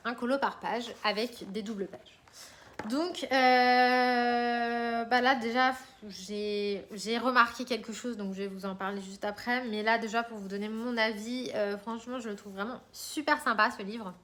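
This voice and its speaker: A woman's voice: a little high, fairly even intonation, unhurried, fairly bright tone. A woman vlogger chatting casually about her coloring purchases, rambling with many fillers and restarts. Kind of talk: casual chat showing purchases.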